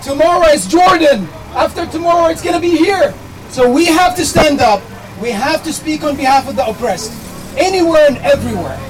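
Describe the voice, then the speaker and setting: A man's voice: very high-pitched, brisk, low-quality recording. A man giving an impassioned speech at an outdoor protest rally, with heavy repetition and call-and-response. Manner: rhetorical repetition, leads chants. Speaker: rally speaker.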